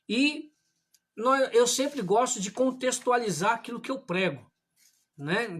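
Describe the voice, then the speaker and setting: A preacher with a fairly high voice reads scripture aloud at a steady, measured pace and calls his listeners brothers. He speaks in a sermon to a livestream camera from a room at home. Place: indoor room at home, religious images behind him.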